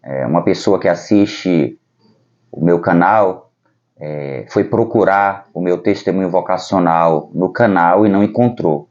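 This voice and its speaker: Calm, low-voiced Brazilian priest. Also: male voice, measured pace. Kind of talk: personal vocation testimony to camera. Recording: dull lo-fi recording.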